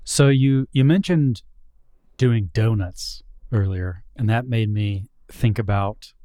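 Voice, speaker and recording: A man's voice: on the low side, slow, warm tone, no echo. A male podcast co-host in casual chat, chiming in with dry, teasing remarks.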